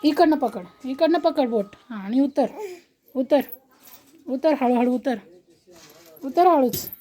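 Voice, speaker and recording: A woman's voice: sits high, a little slow, mellow. A woman with a Marathi accent coaxing a toddler in baby talk, repeating short phrases over and over. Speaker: parent talking to a toddler.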